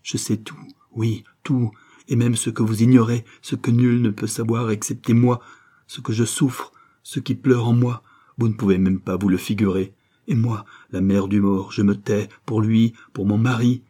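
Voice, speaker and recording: A man's voice: lowish voice, fairly even intonation, normal speed, dark tone, breathy edge. A man reading a novel aloud, voicing a desperate middle-aged mother who pleads for her son and husband in an anguished voice. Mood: anguished pleading. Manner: pleading, anguished, rising to cries. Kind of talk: audiobook character reading.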